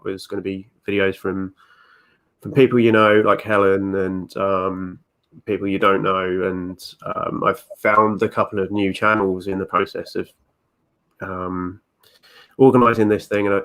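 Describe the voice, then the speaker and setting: A man with a lowish voice talks casually as a guest over a remote call. He hesitates often and fills the gaps with ums, then picks his thought up again. He restarts his sentences freely and keeps a friendly, easygoing tone. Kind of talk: casual chat.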